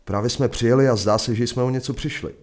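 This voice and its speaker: A man voicing a frontier sheriff, who asks loudly and with authority what is going on. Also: medium pitch, steady tone, pitched above the performer's own voice, lightly acted. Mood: inquisitive. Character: brisk frontier sheriff, man, middle-aged.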